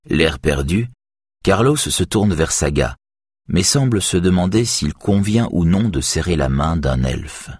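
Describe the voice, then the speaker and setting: A man reading an audiobook in scripted narration, even and measured. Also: deep voice, breathy edge, no echo.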